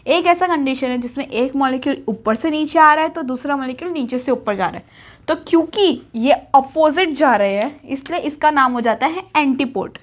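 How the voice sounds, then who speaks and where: High-voiced woman teaching biology. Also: expressive, normal speed. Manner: chatty, repeats key terms, asks and answers herself. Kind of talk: whiteboard lesson in Hindi.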